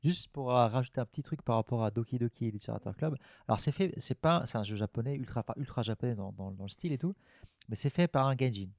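A man's voice: medium pitch, lively intonation, quick pace, a little mellow, dry recording, clean studio sound. A man on a casual podcast panel, explaining things at length in a rambling way. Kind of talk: casual group chat.

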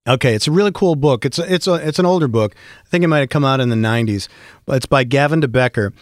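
A middle-aged man who voices for a living, talking as a podcast guest in an animated, storytelling way with frequent restarts. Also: mid-range voice, fast, no room sound, studio quality. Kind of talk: casual conversation.

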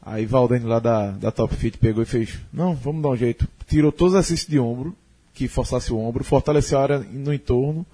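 Mellow husky man telling a story. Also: medium pitch, brisk. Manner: rambling storyteller who acts out quoted dialogue. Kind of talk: casual anecdote.

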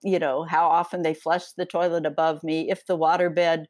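A woman's voice: low-pitched, flat delivery, normal speed, darkish tone, dry recording. A woman author reading her own essays aloud and talking about them in an interview, reflective and a little hesitant.

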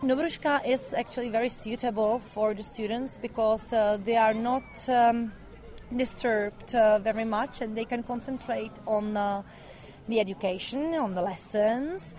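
A woman's voice: a little high, a little slow, a little mellow. A woman who speaks natively, a programme organizer, answering interview questions hesitantly. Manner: hesitant, frequent fillers.

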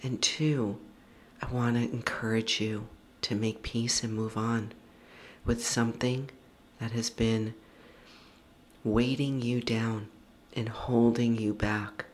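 Slow, tender, whispery-soft podcast host. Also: medium pitch, a little hiss or hum. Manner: earnest and tender, drifting into soft breathy near-whispers; unhurried, with lingering pauses. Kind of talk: heartfelt solo podcast talk.

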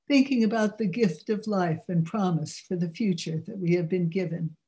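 An older woman gives a religious talk in a low, dark-toned voice. She speaks earnestly and at a measured pace.

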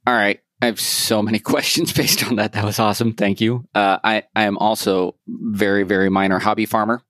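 A man's voice: on the low side, flat delivery, a little fast, a bit bright, dry recording. A man hosting a podcast interview, casual and eager, often stammering on repeated words. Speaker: podcast host. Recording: dry close sound.

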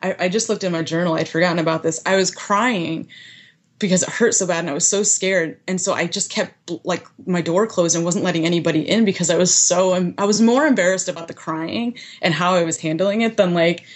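A young woman from the United States tells a story in a relaxed, chatty way. Her voice sits a little low, and she laughs often and fills her sentences with "like.". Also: fairly quick. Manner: animated, heavy use of "like" fillers, laughs often. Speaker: guest recounting a past experience. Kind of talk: casual storytelling.

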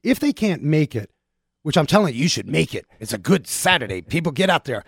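Animated high-pitched male radio host. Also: brisk, creaky, breathy edge, no echo, clean studio sound. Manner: informal, exclamatory, punchy asides. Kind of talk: casual radio talk show hosting.

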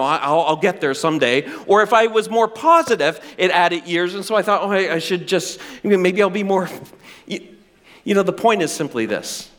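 A middle-aged male pastor preaching a sermon with animated, self-deprecating humor. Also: high voice.

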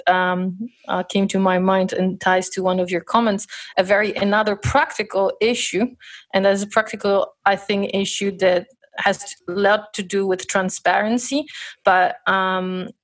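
A woman co-hosting a podcast, talking through a legal topic in a thoughtful, hesitant way with many fillers. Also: mid-range voice. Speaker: podcast co-host. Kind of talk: casual expert discussion.

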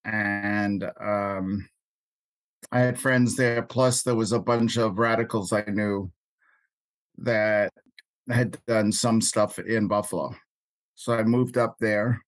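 An older man with a Queens New York accent, recalling things in an interview in a halting way, often pausing mid-sentence. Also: lowish voice, fairly even intonation, no echo. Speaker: interview guest, labor activist. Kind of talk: unscripted interview recollection.

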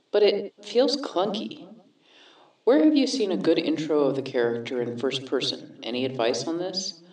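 Lively co-host reading a listener question. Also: medium pitch. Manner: reads a listener question aloud, then adds brief interjections. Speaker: podcast co-host. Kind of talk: casual chat.

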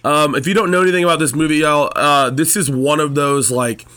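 A man co-hosting a comedy podcast, chatting animatedly and narrating a screenplay, quick to laugh. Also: fairly high pitch, fairly even intonation, pushed and bright. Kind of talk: casual chat and screenplay narration.

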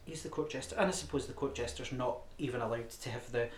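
A man's voice: medium pitch, fast, a little hiss or hum. A man co-hosting a podcast, talking in loose, rambling, profane chat and often correcting himself. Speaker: podcast co-host. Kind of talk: casual chat. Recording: roomy echo.

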